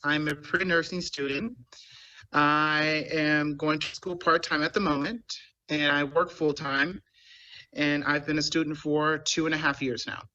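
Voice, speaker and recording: A man's voice: on the high side, steady tone, unhurried, pushed and bright, lo-fi sound. A man in his twenties, a student, introducing himself in a polite, plain way. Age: 20s. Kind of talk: self-introduction on video.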